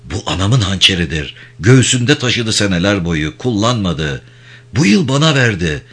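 A man's voice: fairly low pitch, sing-song, moderate pace, a bit bright, husky, full character voice. A man reading an audiobook, voicing a vengeful young mother who speaks in cold, hard declarations. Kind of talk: audiobook character voice.

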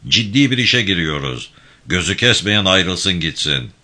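A man voicing a stern, commanding male militia band leader who gives hushed orders. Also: low-pitched, big pitch swings, unhurried, heavily acted.

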